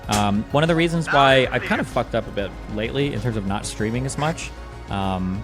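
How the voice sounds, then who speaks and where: A man's voice: mid-range voice, expressive, fairly quick, over music. A man streaming and reacting to clips in casual, rambling, profane talk.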